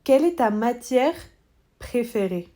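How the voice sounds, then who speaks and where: A woman teaching a French exam-prep lesson, speaking slowly and deliberately and repeating model answers for students. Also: fairly high pitch, animated, dark tone.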